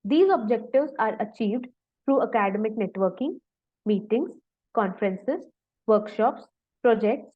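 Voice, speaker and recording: A woman with a fairly high voice hosts an online conference. She reads a formal welcome politely over a video call. The audio sounds dull and lo-fi. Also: animated, measured pace. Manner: polite, repeats thanks and okays. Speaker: conference host.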